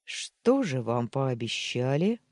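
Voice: medium pitch, big pitch swings, takes it slowly, a little mellow, no echo, clean studio sound. A narrator voicing the hero, a brooding young man bent on revenge, speaking grimly.

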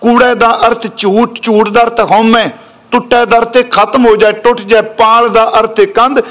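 A man delivers a scriptural exposition sermon in a fairly high voice. He draws out quoted verses slowly and deliberately, then shifts into brisk, conversational explanation. He addresses his listeners respectfully as he corrects how they pronounce the words. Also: level tone, fairly bright tone. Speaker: Sikh preacher.

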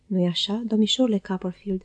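A woman voicing a falsely humble, scheming young male clerk who speaks softly and unctuously in an audiobook reading. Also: mid-range voice, steady tone, no room sound, natural voice. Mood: oily humble. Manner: oily, unctuous, soft-spoken.

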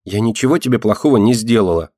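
A man's voice: brisk, a little mellow, no echo, clean studio sound, lightly acted. A man reading an audiobook and voicing a small, stubborn girl who cries easily, in a raised, pleading voice. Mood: cross. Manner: pleading, tearful, raised higher voice.

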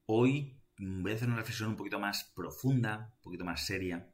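Deep-voiced man musing. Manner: thoughtful, halting, with many fillers. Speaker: vlogger giving reflections. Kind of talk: casual spoken reflection.

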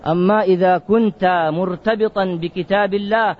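High-voiced man preaching, drawn-out emphasis. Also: fairly even intonation, lo-fi sound. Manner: questioning, drawn-out emphasis on key words. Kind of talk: sermon.

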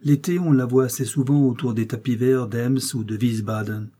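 A man narrating a classic novel in the first person, with a measured literary reading. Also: medium pitch, dark tone. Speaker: audiobook narrator.

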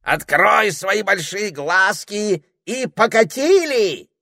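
A man's voice: mid-range voice, lively intonation, a little slow, bright, forceful tone, no room sound, clean studio sound, pitched above the performer's own voice. A man voicing a cheerful, teasing male parrot in a storybook reading. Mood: calling out. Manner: jaunty, teasing, soothing.

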